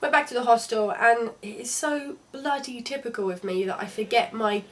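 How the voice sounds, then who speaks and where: A woman's voice: a little high, normal speed, a bit bright. Chatty young woman. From London. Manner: chatty and candid, with frequent restarts. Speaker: travel vlogger. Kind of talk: casual travel vlog narration.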